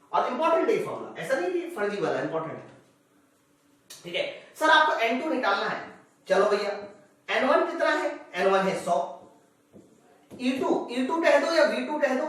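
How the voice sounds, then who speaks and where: In a very echoey room picked up by a far-off microphone, a man leads a classroom-style physics lesson for exam students. His voice is very high with a fairly bright tone, and he addresses the class conversationally, asking questions and then answering them himself.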